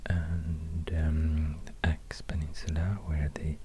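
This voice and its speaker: Noise and soft clicks come through as an ASMR video creator with a Swedish accent speaks right up against a binaural mic. He narrates softly while drawing, his breathy near-whisper kept low and even. He sounds musing and halting.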